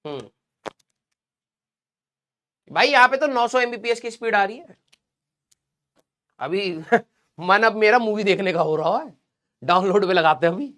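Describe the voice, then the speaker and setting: A man's voice: high voice, lively intonation, unhurried, pauses often, fairly bright tone. A young man teaching a live online physics class in a chatty, joking way, teasing his students. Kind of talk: casual live class lecture.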